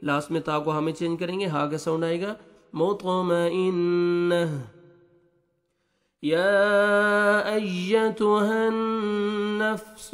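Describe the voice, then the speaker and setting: A high-voiced man teaches Quran recitation, moving between quick explanations and slow chanted verses. A long reverb trails each phrase, so the voice sounds like it is ringing through a big room. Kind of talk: recitation lesson, spelling out letters and vowel marks.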